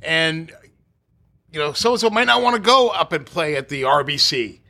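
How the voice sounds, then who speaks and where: Man, radio co-host guest, emphatic, husky, bright tense voice. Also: fairly high pitch, lively intonation, moderate pace. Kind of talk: interview answers.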